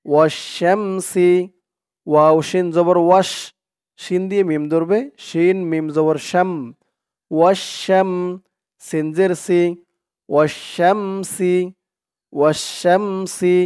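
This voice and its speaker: A man teaching Quran recitation, explaining it calmly and spelling words out letter by letter, with drawn-out long vowels. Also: high voice, clear, resonant tone, dry recording, clean studio sound. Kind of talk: spoken lesson with slow chanted recitation.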